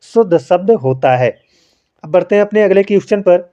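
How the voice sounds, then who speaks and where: A Hindi grammar teacher, he runs a spelling quiz slowly and patiently, writing by hand as he talks, asking questions and then answering them, and repeatedly calling listeners friends. He sounds animated, with a smooth, mellow voice a little high for a man, on a dull, lo-fi recording.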